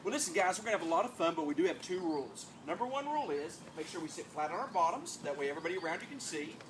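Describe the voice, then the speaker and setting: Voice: mid-range voice, big pitch swings, rapid-fire. A children's entertainer hosting a live show like a kids' party magician, with playful, coaxing call-and-response patter and clownish mock surprise. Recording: noisy live room full of children. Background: loud crowd of children, ambient noise.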